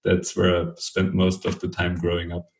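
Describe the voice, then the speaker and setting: A Brazilian-born man raised in Portugal and Germany, talking as a podcast guest, halting and full of restarts. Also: sits low, completely flat delivery, creaky, a little mellow, echoey room, poor audio. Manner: halting, many restarts and fillers, laughs lightly. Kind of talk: conversational interview answers.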